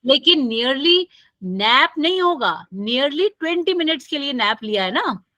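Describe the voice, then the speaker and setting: A woman's voice: sits high, sing-song, unhurried, pushed and bright, dry recording. A woman lecturer, teaching a grammar class and reading example sentences aloud with careful stress. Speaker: English lecturer.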